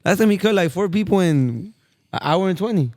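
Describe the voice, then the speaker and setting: Male barber podcast host, lively and quick, casual chat. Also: sits high. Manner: animated, quick, says bro a lot.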